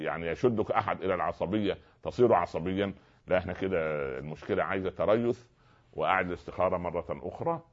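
A man hosting a religious call-in show, preaching earnestly and joking gently with callers. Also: deep voice. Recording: dull lo-fi broadcast sound.

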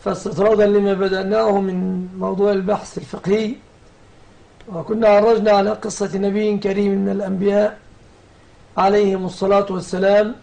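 A man hosting a religious lesson on air, leading the discussion and questioning his guest and callers briskly. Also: high voice, flat delivery, creaky, mellow. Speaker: host and religious teacher.

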